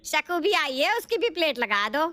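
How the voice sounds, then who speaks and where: A bossy mother-in-law in a cartoon story, played by a woman in a high, bright register. She scolds and schemes in a sharp, sly manner, talking down to her daughter-in-law. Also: sing-song, normal speed, full character voice. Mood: scheming.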